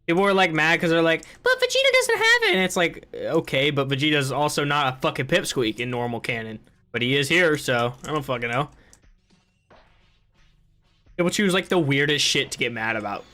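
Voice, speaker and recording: A man's voice: fairly high pitch, normal speed, bright, forceful tone. A young man hosting a gaming podcast, ranting in casual chat and swearing freely. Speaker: podcast host.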